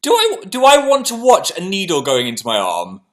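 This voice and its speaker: A man's voice: high voice, wildly swooping pitch, brisk, a bit bright. A man with a British accent hosting a livestream, chatting casually and telling self-mocking stories to his viewers. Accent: British English. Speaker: livestream host.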